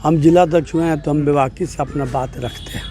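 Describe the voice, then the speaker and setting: A man's voice: on the high side, steady tone, brisk. A middle-aged man, a district party president speaking forthrightly in an interview, with plain rural phrasing. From Bihar, India. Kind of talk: political interview.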